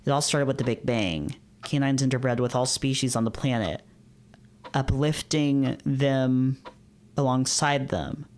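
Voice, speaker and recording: In an unhurried, mid-range voice, a man streams himself narrating visual novels aloud and making casual gaming chat, frequently repeating himself and using informal slang.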